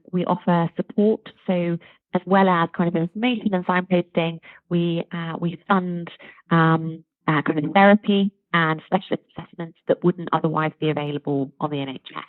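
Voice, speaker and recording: A charity chief executive, a woman, talks articulately and enthusiastically as a podcast guest in a conversational interview. Her lowish voice holds a steady tone at a moderate pace. The dry recording comes through a tinny, phone-like remote connection.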